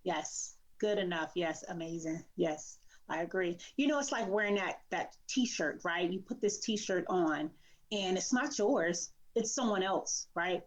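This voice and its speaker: A woman's voice: on the low side, expressive, measured pace. A woman hosting an interview, casual and affirming, often checking in with "right?". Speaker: interview host. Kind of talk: conversational interview.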